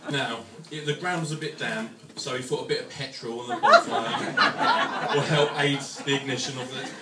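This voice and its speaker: In a noisy, echoey room, a young British man gives a wedding toast speech from some way off the microphone. His delivery is dry and joking, with lively rises and falls as he addresses the guests as best man. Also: mid-range voice, normal speed, distant mic, a loud crowd. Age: young adult.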